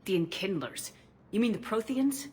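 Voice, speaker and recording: A woman's voice: mid-range voice, lively intonation, normal speed, noisy background, close to an everyday voice. A woman playing a steely, resolute space commander in a video game, speaking firmly and directly. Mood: probing. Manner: firm, direct.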